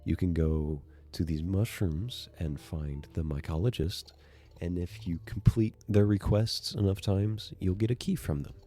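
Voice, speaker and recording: A man narrating a casual video essay, excitable and swearing freely as he gushes. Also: low voice, measured pace, slightly rough, soft background music. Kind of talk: casual enthusiastic commentary.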